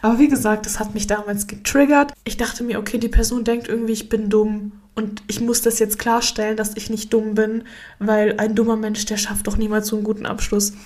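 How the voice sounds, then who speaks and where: A woman's voice: fairly high pitch, level tone, fairly quick, a little mellow. A young woman talking candidly and casually to her viewers in a personal self-help vlog. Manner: casual, candid, slangy, addressing viewers directly. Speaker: vlogger.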